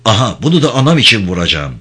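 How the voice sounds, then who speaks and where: A man's voice: fairly low pitch, sing-song, quick pace, pushed and bright, slightly rough, pitched above the performer's own voice, full character voice. A man reading an audiobook, voicing a vengeful young mother who speaks in cold, hard declarations. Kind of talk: audiobook character voice.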